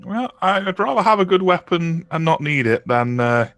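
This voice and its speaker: A man's voice: on the high side, lively intonation, moderate pace, fairly bright tone, no echo. A man talking as a player in a tabletop game, casual and matter-of-fact, partly in character.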